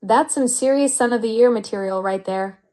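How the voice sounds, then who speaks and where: A synthetic woman's voice of an AI chat assistant, upbeat and flattering with smooth, even delivery. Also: fairly high pitch, moderate pace. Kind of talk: conversational AI reply.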